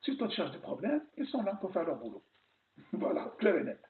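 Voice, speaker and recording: A man telling stories in a chatty, animated way on a casual advice vlog. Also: high voice, a little fast. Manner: chatty, animated storytelling with repeated phrases. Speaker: vlogger sharing travel advice. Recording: roomy, tinny phone-like sound with faint noise.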